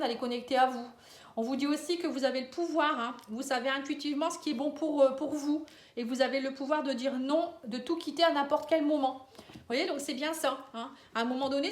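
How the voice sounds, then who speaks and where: A woman's voice: sits high, roomy sound. A woman giving a casual card-reading guidance, hesitant and full of fillers. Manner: hesitant, frequent euh and hein fillers. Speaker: tarot reader.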